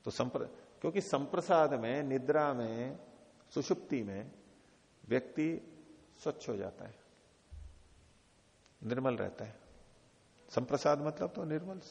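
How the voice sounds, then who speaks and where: A man with an Indian accent giving a scripture lecture, explaining slowly, chanting Sanskrit quotes and asking and answering his own questions. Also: mid-range voice, vocal fry, darkish tone. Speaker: Vedanta teacher. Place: ashram lecture hall. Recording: dull lo-fi audio, long hall reverb.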